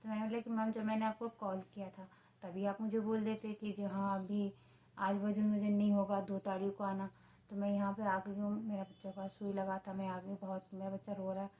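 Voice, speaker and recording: A woman's voice: mid-range voice, monotone, normal speed, dark tone, rough recording. A woman speaking Hindi, a mother telling the story of her day in a casual home vlog, in a plain, repetitive way. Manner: talks to her baby in a sing-song, playful tone. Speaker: vlogger, mother.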